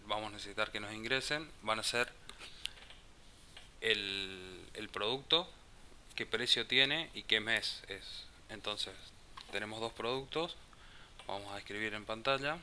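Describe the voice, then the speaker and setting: This live coding explanation comes from a man whose low voice has a very bright, forceful tone. He thinks aloud slowly and haltingly, restarting phrases as he works through the code, while a faint hiss sits beneath.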